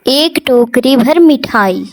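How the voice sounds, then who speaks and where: A woman narrating a cartoon story in a gentle, measured storybook manner. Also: high voice, animated.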